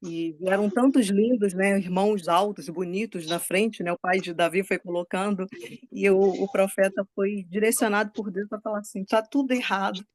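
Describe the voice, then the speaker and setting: A woman telling a group about her faith in an eager, rambling way that keeps checking in with her listeners. Her voice sits in a middle pitch. The sound is dry and close, with little room echo. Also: steady tone, moderate pace. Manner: fervent and chatty, often asks "né?". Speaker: guest speaker sharing a testimony. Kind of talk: religious testimony to a group.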